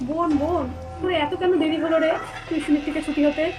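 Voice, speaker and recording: Woman as a scared big sister, high voice, nervous, repeats herself, music behind. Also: steady tone, quick pace, recorded from a distance, lightly acted. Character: scared elder sister walking a dark road. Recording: background music.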